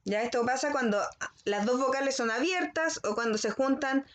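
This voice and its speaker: A woman teacher giving a recorded language lesson to children. She explains slowly and carefully and keeps checking in with the class. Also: high-pitched. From Chile.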